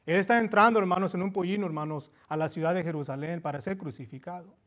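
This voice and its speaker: A man's voice: sits high, fast talker, a bit bright. A male preacher delivering a sermon to his congregation, repeating each passage in two languages with growing fervor. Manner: switches between Spanish and English, repeating each passage; addresses the congregation as brothers, rising in fervor. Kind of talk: bilingual sermon.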